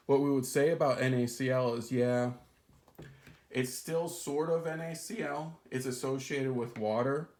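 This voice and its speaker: A man's voice: mid-range voice, darkish tone. A man recording an introductory chemistry lesson, explaining step by step and often checking in with "right?" and "okay?". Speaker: chemistry instructor. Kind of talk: recorded lecture.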